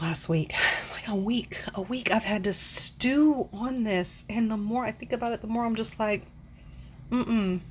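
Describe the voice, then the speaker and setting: A woman's voice: mid-range voice, a little hiss or hum. Rambling, profane woman in her forties. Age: 40s. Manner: rambling, profane, frequent sighs and fillers. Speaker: book vlogger. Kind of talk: casual rant.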